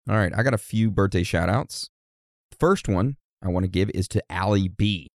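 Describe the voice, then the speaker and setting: A man's voice: low-pitched, normal speed, darkish tone, no room sound, clean studio sound. A man co-hosting a podcast, reading listener birthday messages in a casual, teasing, easily amused way. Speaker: podcast co-host.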